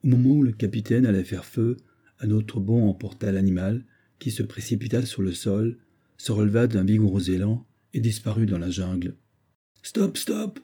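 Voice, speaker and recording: A man narrating a classic adventure novel as an audiobook, in a measured, steady reading. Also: on the low side, husky. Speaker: audiobook reader.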